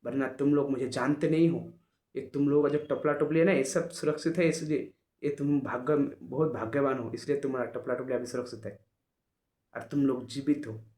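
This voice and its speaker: A man voicing a boastful male bandit who threatens holy men in a lowered, menacing voice. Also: steady tone, a little fast, dark tone, close to an everyday voice. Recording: roomy echo.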